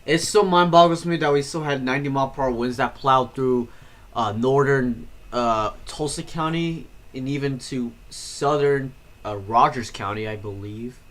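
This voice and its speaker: A man's voice: mid-range voice, moderate pace, a bit bright. A man giving casual live storm coverage, rambling with frequent fillers and self-corrections. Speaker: storm streamer. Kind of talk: live weather stream commentary.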